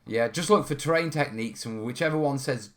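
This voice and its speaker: Speaking briskly in a mid-range voice, this studio host of a terrain-modelling stream from North Wales rambles through casual chat and viewer questions. He keeps checking in with "yeah" and "you know."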